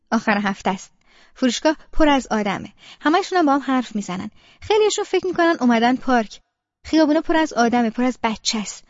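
High-voiced woman reading an audiobook. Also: dry recording, lo-fi sound. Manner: flat, inward present-tense monologue. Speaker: audiobook narrator. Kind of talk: first-person audiobook narration.

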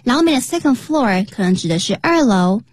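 A woman's voice: fairly high pitch, expressive, moderate pace, no echo. A woman co-hosting a radio English lesson, reading dialogue lines and explaining them carefully. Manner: clear, careful explanations, spells words out. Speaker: English teacher, radio co-host. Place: radio studio.

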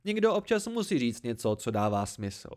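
A man voicing a gruff, quarrelsome male mercenary who grumbles and provokes in an amateur storybook reading. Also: mid-range voice, big pitch swings, a little mellow, natural voice. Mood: grumbling.

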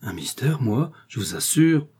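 A man's voice: mid-range voice, very animated, a little slow, darkish tone, breathy edge. A man voicing a flustered young son-in-law who stammers through evasive excuses.

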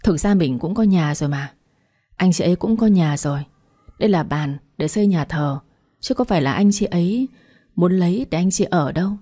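An exasperated village husband who brushes off his wife's worries , voiced by a woman narrator. He sounds low, warm and a little husky. His tone is dismissive and placating. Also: lively intonation, moderate pace.

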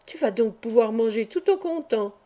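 A woman's voice: on the high side, expressive, normal speed, mellow, natural voice. A woman reading an audiobook, voicing a cheerful young male acrobat with a chatty, showman-like patter. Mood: playful.

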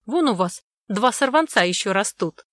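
A woman's voice: medium pitch, expressive, moderate pace, a bit bright, no echo, lightly acted. An eager young student daughter, voiced by a woman reader. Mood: upbeat.

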